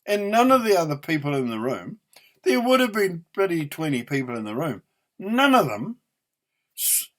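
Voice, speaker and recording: A man's voice: fairly high pitch, a bit bright. An older man in his eighties with a New Zealand accent, ranting off the cuff in an indignant, emphatic, sweary way, leaning hard on stressed words. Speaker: opinionated vlogger. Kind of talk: unscripted angry rant.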